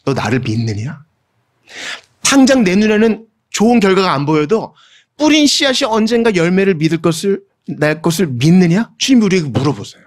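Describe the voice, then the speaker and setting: A man's voice: animated, fairly quick. Earnest male pastor preaching a sermon. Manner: earnest, conversational, speaks directly to the congregation; swings from hushed and low to raised, emphatic pleading.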